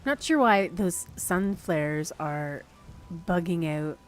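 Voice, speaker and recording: A woman's voice: lowish voice, expressive, slow pace, a little hiss or hum. A woman streamer casually chatting through a game, laughing and thinking aloud to her viewers. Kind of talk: casual gameplay commentary to chat.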